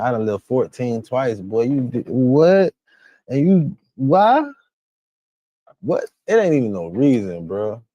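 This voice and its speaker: Guy reacting on stream, lowish dark voice, cussing and blurting out disbelief. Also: no echo. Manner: profane, exclamatory outbursts. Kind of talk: live reaction commentary.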